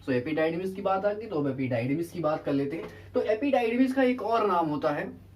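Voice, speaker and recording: A male teacher gives a relaxed biology lecture from a little way off the microphone, so his voice sounds distant. He poses questions to the class and answers them himself, checking in again and again. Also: high-pitched, normal speed. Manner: quizzes students with rhetorical questions, then answers them himself; keeps repeating a check-in tag to students. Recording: voice distant from the mic.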